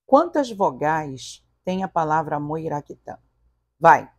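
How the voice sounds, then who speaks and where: A man's voice: a little high, sing-song, slow, no room sound, clean studio sound. A man teaching a casual video lesson, playful and affectionate with viewers. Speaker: Portuguese teacher.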